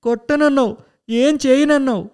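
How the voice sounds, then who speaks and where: A man's voice: extremely high pitch, moderate pace, a little mellow, clear, resonant tone, voice pushed up. A man voicing a ten-year-old boy who cries and pleads. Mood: wailing. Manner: crying, pleading.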